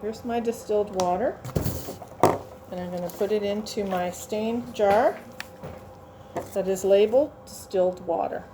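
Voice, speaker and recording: A woman's voice: medium pitch, a little slow, pauses often, noisy background. A woman instructor demonstrating a lab procedure to students, chatting and thinking aloud as she works, sometimes moving away from the mic in a teaching lab.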